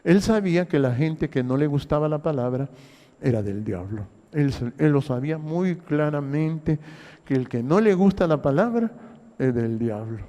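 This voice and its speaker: Older Honduran pastor preaching in a reverberant hall. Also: male voice, fairly high pitch, animated, normal speed, dark tone. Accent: Honduran Spanish. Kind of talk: sermon.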